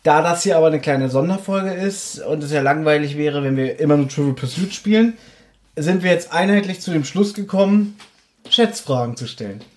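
A man's voice: a little high, lively intonation, normal speed. A young man co-hosting a podcast and playing a quiz in a small room, self-assured, pedantic and teasing. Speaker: podcast co-host, quiz contestant. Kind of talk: casual podcast chat. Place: small hot room at a desk mic.

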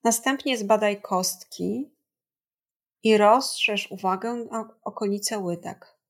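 A woman leads a guided body scan meditation at a slow, unhurried pace. Her delivery is calm and soothing, with a medium-pitched voice that has a creaky edge. She speaks gently and leaves long pauses between instructions.

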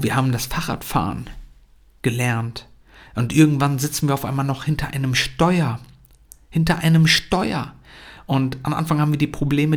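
Young guy hosting a motivational podcast, punchy and emphatic, average pitch. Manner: energetic, emphatic, mixes in English phrases. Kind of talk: motivational monologue.

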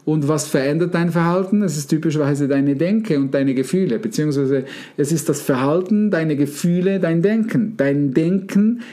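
Man coaching in a podcast, dark voice. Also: on the high side, moderate pace. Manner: coaching, asks many rhetorical questions; addresses listeners warmly as "ihr Lieben". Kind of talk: casual podcast talk on mindset.

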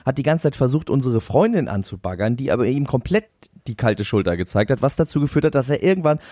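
A man co-hosting a podcast, telling a long anecdote in a rambling, animated way and laughing at his own story. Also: mid-range voice, quick pace, no echo, clean studio sound. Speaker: podcast co-host.

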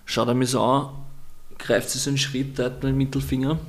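Young austrian dude rambling through stories on a podcast, gravelly voice, colloquial. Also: male voice, medium pitch, little pitch movement, fairly quick. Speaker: podcast guest, Muay Thai fighter. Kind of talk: casual storytelling conversation.

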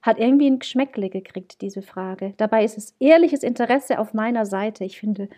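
In this casual podcast chat, the host, a woman in her 30s, speaks at normal speed with a warm, slightly high voice. She's chatty, laughs a lot, and pokes fun at herself.

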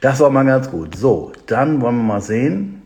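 A man hosting a live stream about fat burning, explaining to viewers in a lively, direct way. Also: medium pitch, normal speed. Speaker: fitness podcast host.

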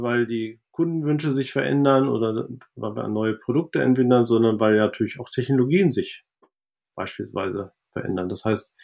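A man talking as a podcast guest in a relaxed interview, thinking aloud with many fillers and restarts. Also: medium pitch, vocal fry. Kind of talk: conversational interview.

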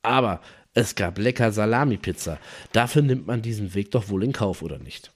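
A man hosting a podcast, telling a personal anecdote in an animated, slangy way and talking straight to his listeners. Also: fairly low pitch, moderate pace. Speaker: podcast host. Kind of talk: storytelling podcast narration.

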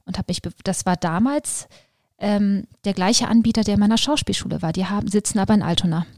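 Woman guest, mid-pitch, animated storytelling, hesitant restarts, dry recording. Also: fast talker, dry recording. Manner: lively, with many fillers and restarts. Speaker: podcast guest. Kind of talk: personal storytelling in conversation.

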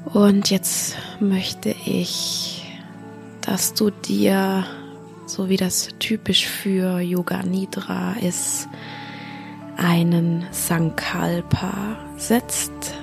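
Slow, soft-spoken woman guiding sleep meditation. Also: mid-range voice, little pitch movement, vocal fry, faint music behind. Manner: soft, slow, often half-whispered guidance. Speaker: podcast host, yoga teacher and mindfulness coach.

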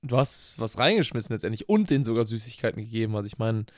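A man co-hosting a casual podcast chat, reacting with relaxed, wry remarks. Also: lowish voice, quick pace, dry recording, clean studio sound. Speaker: podcast co-host.

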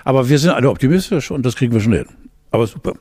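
A man's voice: medium pitch, expressive, very fast, mellow, slightly rough. A middle-aged man, co-hosting a casual podcast and telling rambling anecdotes with acted-out voices. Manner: rambling storyteller, acts out quoted voices. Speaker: podcast co-host. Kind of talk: casual chat.

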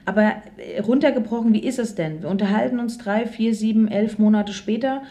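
Mellow-voiced chatty woman. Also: on the high side, a little fast. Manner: chatty storyteller, frequent "ne?" and "so" tags. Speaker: podcast co-host. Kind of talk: casual conversation.

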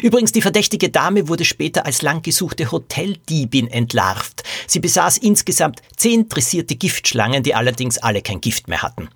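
Gravelly man narrating a detective story. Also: mid-range voice, no echo, studio quality. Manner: lively, animated reading. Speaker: storyteller, podcast host.

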